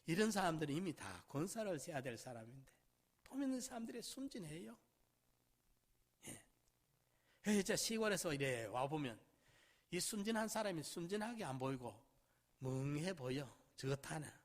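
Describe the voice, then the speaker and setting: A middle-aged man preaching a sermon, swinging from loud exclamations to near whispers and asking the congregation rhetorical questions. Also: fairly high pitch, very animated, moderate pace, pauses often. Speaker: pastor.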